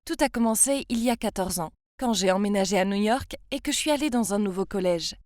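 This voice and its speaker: A woman in her twenties from France, telling her own story as scripted first-person narration in an expressive, confiding way. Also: medium pitch, fairly quick, no echo, studio quality. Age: 20s.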